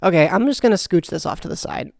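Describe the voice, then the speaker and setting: A woman's voice: fairly low pitch, expressive, fast talker, creaky, a little mellow, no echo, studio quality. A young woman hosting a video game playthrough, chatty and self-deprecating, often laughing. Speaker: gaming video host. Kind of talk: casual let's-play commentary.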